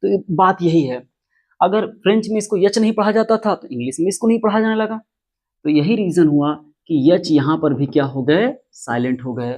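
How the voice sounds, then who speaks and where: A man's voice: high-pitched, normal speed, a little mellow. A man teaching English pronunciation, explaining rules emphatically and repeating key words. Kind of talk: classroom-style explanation.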